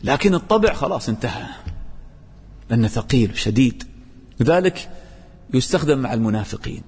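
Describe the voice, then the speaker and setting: A man teaching Quran commentary and grammar, reciting verses slowly and quizzing his students with questions. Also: mid-range voice, lively intonation, a little mellow, slightly rough, big-room sound. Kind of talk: tafsir and grammar lesson.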